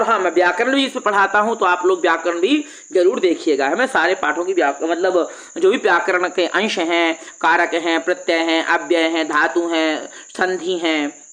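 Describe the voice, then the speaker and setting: A man teaching Sanskrit for a tenth-grade exam, reading each line slowly and then explaining it patiently, asking and answering his own questions. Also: sits high, pushed and bright. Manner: reads Sanskrit lines slowly, then glosses in Hindi. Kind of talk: exam-prep lesson for students.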